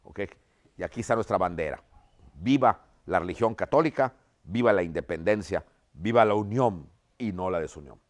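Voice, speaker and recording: A man's voice: low voice, animated, moderate pace. A man voicing a solemn male general who earnestly persuades a rival to make peace. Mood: earnest persuasive. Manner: earnest, persuasive, addresses the other as don.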